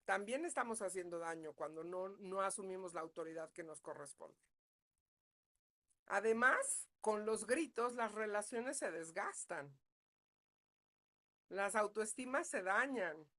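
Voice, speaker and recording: A woman's voice: medium pitch, lively intonation, measured pace, pushed and bright. A woman psychologist giving a parenting class, talking conversationally and checking in with her listeners often. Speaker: psychologist leading a parenting talk. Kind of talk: live online parenting class.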